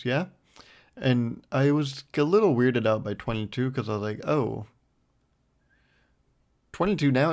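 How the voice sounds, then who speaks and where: A young man in his twenties hosts his own podcast, chatting in a loose, rambling, self-deprecating way. His voice has a gravelly, fry-heavy edge at a middle pitch. He talks close into a mic with a foam windscreen. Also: darkish tone. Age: 20s. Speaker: podcast host. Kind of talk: casual solo podcast chat.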